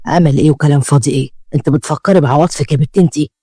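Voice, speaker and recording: A stern older Egyptian man who lectures and scolds, voiced by a storyteller. He speaks quickly with a dry, close sound. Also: medium pitch, mellow, husky, no echo, close to an everyday voice. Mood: scolding. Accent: Egyptian Arabic.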